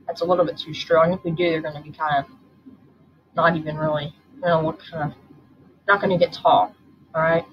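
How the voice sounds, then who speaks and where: Low-voiced woman with a sore throat. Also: slightly rough. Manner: thinking aloud, rambling. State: sore throat, just woken up. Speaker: channel host. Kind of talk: casual weather forecast walkthrough. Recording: dull lo-fi recording with soft background music.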